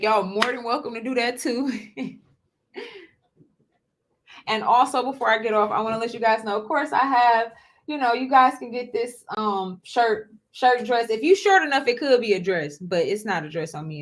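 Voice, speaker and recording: A woman in her twenties speaks at normal speed in a fairly high voice while hosting her own show. Chatty and casual with viewers, she tends to repeat words, says y'all, and asks "okay?"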